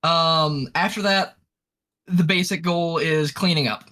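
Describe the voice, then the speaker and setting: A man with a fairly high, bright and forceful voice, talking casually on a voice call. He explains things bluntly and with emphasis, pushing his points with energy. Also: steady tone, slow pace. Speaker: writing advice speaker.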